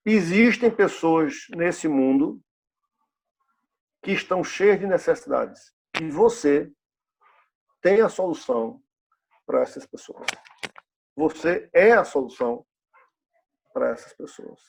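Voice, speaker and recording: A man's voice: a little high, lively intonation, takes it slowly, gravelly, pauses often, slight background noise. A pastor in his fifties preaching a sermon in a church, asking the congregation rhetorical questions and repeating key phrases. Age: 50s.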